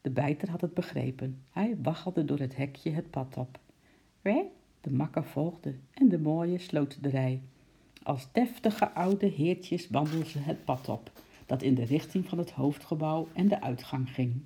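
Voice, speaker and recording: A woman reading a children's story aloud in a gentle, expressive way. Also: sits low, a little slow. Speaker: narrator.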